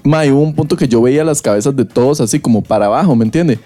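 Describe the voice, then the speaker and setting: A man's voice: medium pitch, quick pace, mellow. A young man with a Costa Rican accent, chatting casually as a podcast co-host in an easygoing storytelling manner. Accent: Costa Rican Spanish. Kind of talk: casual chat.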